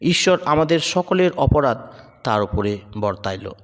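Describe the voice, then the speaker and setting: A man's voice: medium pitch, big pitch swings, unhurried. Solemn man reading a sermon. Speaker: preacher. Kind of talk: scripted devotional sermon.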